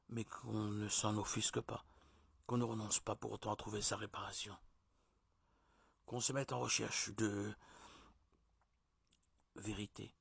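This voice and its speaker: A man giving a measured, deliberate religious teaching, like a sermon. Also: fairly low pitch, gravelly, a bit bright, slightly rough, no echo. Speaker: preacher.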